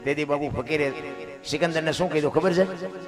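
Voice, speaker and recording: A man telling a folk story with moral talk, animated, swinging from loud exclamations to soft asides and addressing listeners as 'bapu'. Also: on the high side, fairly quick. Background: instrumental music.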